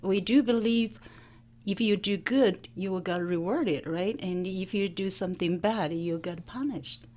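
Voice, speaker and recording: A woman's voice: medium pitch, unhurried, darkish tone. A woman from China with a Chinese accent, answering as an interview guest, hesitant with many fillers.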